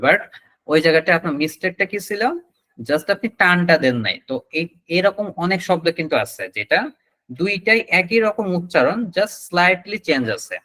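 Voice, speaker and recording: A man's voice: a little high, fairly bright tone, low-quality recording. A man with a Bangladeshi Bengali accent teaching an online English pronunciation class, explaining step by step and drawing out sample words. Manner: explanatory, drawn-out word demonstrations.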